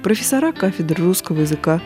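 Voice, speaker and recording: A woman's voice: lowish voice, lively intonation, fast, over music. A woman hosting a radio program, reading out the show's address and signing off in a formal announcing style. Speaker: radio host.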